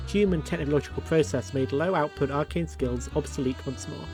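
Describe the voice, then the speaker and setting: Male streamer, reads game narration, swears, sarcastic comments; slightly high voice. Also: a little fast, music in the background. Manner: crude, sarcastic asides. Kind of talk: reading game text aloud with casual commentary.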